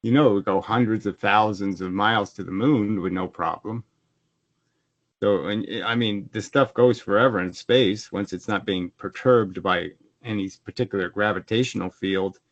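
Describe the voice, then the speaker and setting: A man with a fairly low voice explains his ideas over a video call, and the sound is dull and lo-fi. The audio is dry, with almost no room sound. He restarts his sentences often and gets more animated when he is pushed. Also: normal speed, no echo. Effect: heard over a video call. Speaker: guest explaining his physics model. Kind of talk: conversational explaining.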